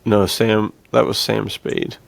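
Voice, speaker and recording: Against a noisy background, a man with a fairly low, vocal-fried voice speaks slowly and with little variation in pitch. He's co-hosting a podcast, joking around in slang during a laid-back film discussion.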